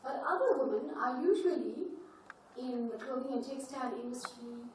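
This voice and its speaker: A woman's voice: high-pitched, normal speed, darkish tone. A woman from South Africa, a government official, giving a conversational presentation to a small panel. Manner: conversational, explains in plain terms. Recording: echoey room, voice from some distance, faint noise.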